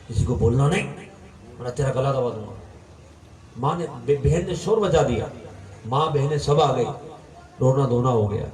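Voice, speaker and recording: A man preaching a sermon as a story, his voice rising to impassioned peaks and sinking low to act out what people say. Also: a little mellow. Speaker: religious preacher. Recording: echoey hall, voice from a distance.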